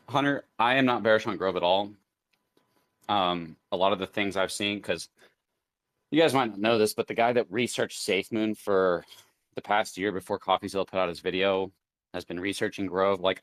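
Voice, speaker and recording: A man's voice: on the low side, normal speed, a bit bright, dry recording. A man hosting a live crypto audio chat, rambling casually with many fillers as he thinks aloud. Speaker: crypto show host.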